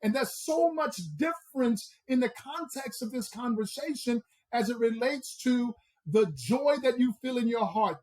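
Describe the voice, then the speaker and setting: A man's voice: very high-pitched, darkish tone. Emphatic Southern man, motivational coach. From American South. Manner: emphatic, preacher-like, drawn-out stresses. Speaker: personal growth coach, co-host. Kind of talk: motivational podcast talk.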